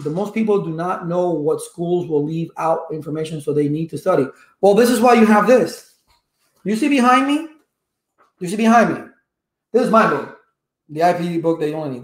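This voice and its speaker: Poor audio and a roomy sound frame this high-voiced man, a Cuban network engineering teacher in his fifties with Spanish as his mother tongue. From his home office he addresses livestream viewers casually through a desk webcam, animated, gesturing a lot and tossing out rhetorical questions.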